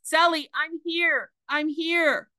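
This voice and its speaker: A woman reading aloud, voicing a desperate young girl trapped in a capsized boat, calling out in a high, strained voice. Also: slow, sharp tone, no echo.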